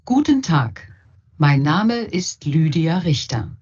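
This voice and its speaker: Slow, breathy woman in course audio. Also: sits low, sing-song, a little mellow. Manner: slow, clearly articulated. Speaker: speaker in a language-course audio. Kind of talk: scripted textbook dialogue. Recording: muffled course audio played over a call.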